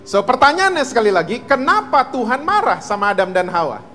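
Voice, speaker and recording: A man's voice: very high voice, big pitch swings, brisk, sharp tone, in a large hall, a little hiss or hum. A male pastor preaching a sermon, mixing in English words and asking his listeners questions. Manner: mixes English words, asks the congregation questions. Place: church hall.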